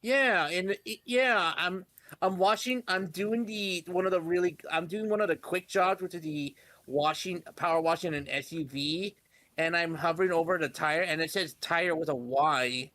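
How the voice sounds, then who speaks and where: A man's voice: a little high, moderate pace, sharp tone. A man streaming a game and chatting casually, often restarting his sentences. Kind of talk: casual gaming chat.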